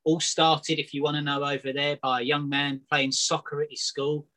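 A man's voice: fairly high pitch, flat delivery, moderate pace, pushed and bright. A man from England co-hosting a beer review show, telling stories and joking in casual banter. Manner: storytelling, joking.

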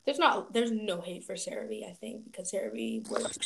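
A young woman co-hosting a casual chat podcast, talking in a chatty way that gets animated when she is passionate. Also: mid-range voice, normal speed, vocal fry. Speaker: podcast co-host. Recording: faint background noise.

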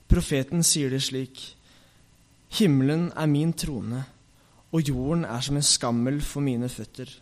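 A man's voice: medium pitch, close to an everyday voice. A man reading Stephen, solemn bold preacher. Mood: solemn rebuke. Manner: solemn, rebuking oration. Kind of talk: reading a scripture speech.

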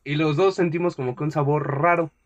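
A man's voice: fairly high pitch, brisk, lo-fi sound. A young man with a Mexican Spanish accent, chatting casually as a podcast host and telling a story full of slang, acting out what people said. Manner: animated storyteller, slangy, acts out quotes. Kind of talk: casual chat.

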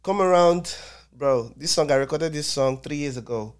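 Animated Nigerian man with a Pidgin lilt. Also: on the high side, moderate pace, smooth. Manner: animated, mixes in Nigerian Pidgin, laughs often. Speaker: Afrobeats artist guest. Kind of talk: casual podcast conversation.

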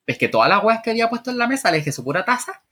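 A woman with a Chilean accent, co-hosting a podcast and telling stories in an animated, playful way, acting out scenes with sound effects. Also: fairly high pitch, rapid-fire, husky. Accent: Chilean Spanish. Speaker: podcast co-host. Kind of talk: casual storytelling chat.

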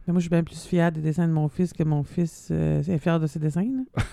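Warm low Québécois woman chatting. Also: fairly even intonation, brisk, vocal fry, no echo, clean studio sound. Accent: Québécois French. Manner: chatty, hesitant with fillers and repeats. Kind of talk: casual chat.

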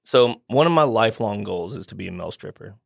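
A man, a podcast guest in casual chat, telling a profane, animated story and mimicking people. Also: fairly low pitch, fast, creaky, dry recording, studio quality.

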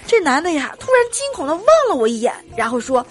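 A young woman performing a stand-up comedy story, animated and trailing her phrases with drawn-out particles. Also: high-pitched. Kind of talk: comic storytelling monologue.

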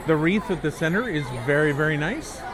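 A man hosting a casual walk-around chat outdoors, rambling in a halting way. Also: on the high side, animated. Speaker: podcast host. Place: outdoors walking through a busy theme park. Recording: outdoor park noise and crowd.

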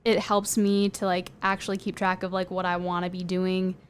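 A woman's voice: on the low side, level tone, moderate pace, slight background noise. A young woman guest in a casual podcast chat, talking openly with many fillers. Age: young adult. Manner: chatty, many "like" fillers, light laughs.

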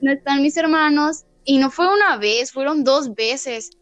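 A woman's voice: high voice, unhurried, highs cut off. A young adult woman with a Mexican accent, a podcast guest telling a story in casual chat, acting out the voices she quotes. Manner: animated, acts out quoted voices and laughs.

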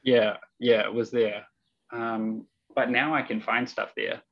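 Young kiwi dude, creaky low voice, laconic casual chat, bit of a dull recording. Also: male voice, flat delivery, measured pace. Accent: New Zealand. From New Zealand. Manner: low-key, laconic, noncommittal. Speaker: podcast guest.

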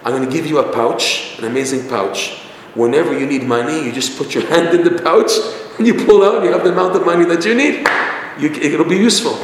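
A man's voice: fairly high pitch, a little fast, natural voice. A man voicing a commanding giant who rules the winds, in an echoey hall with faint noise.

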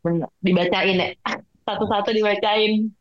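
A woman in a casual film chat, relaxed and giggly with short remarks. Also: medium pitch, moderate pace, no room sound. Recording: dull lo-fi mic.

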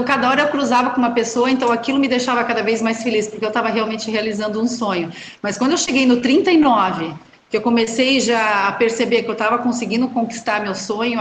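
A woman, a journalist and runner, telling stories in a chatty, animated way as an interview guest. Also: fairly high pitch, echoey room, slight background noise. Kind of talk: casual interview chat.

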